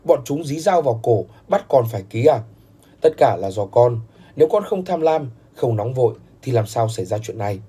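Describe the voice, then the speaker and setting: A man's voice: mid-range voice, animated, moderate pace, mellow, slightly rough. A man voicing a stern older grandfather who heads a family business, speaking reproachfully in a storybook recap. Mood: scolding.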